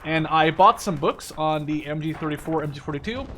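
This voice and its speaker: A gameplay creator in his twenties from the Netherlands rambles casually through a shooter match, correcting himself frequently while he concentrates. His voice is fairly high and a little fast, with slight hiss or hum, and the game's loud artillery fire and gunshots sound behind him.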